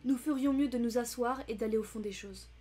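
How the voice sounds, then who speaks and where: A woman's voice: a little high, fairly quick, dark tone, natural voice. A woman reading as a composed proud countess. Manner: composed, restrained intensity. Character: dignified young countess, controlled and passionate.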